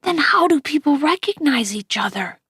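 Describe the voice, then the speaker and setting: Gentle tearful young boy, as a woman reads him. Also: high voice, big pitch swings, moderate pace, no echo, studio quality, voice pushed up. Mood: wondering. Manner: soft, pleading questions.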